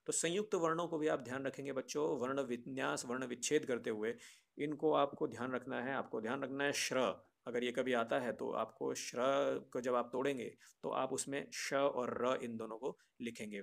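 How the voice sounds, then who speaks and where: A man's voice: mid-range voice, creaky. A man teaching a grammar lesson, patiently explaining to children and often asking rhetorical questions. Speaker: Sanskrit teacher.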